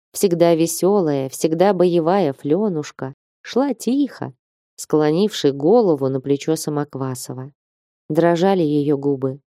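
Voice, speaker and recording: A woman narrating a literary audiobook in a measured, expressive storytelling manner. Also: low-pitched, dry recording, studio quality.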